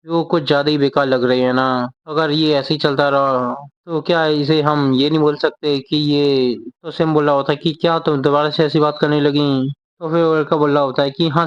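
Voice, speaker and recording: A man retelling a manga story, quoting the characters' lines in his own steady voice without acting them out. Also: a little high, clean tone, dry recording, dull audio. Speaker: manga explainer.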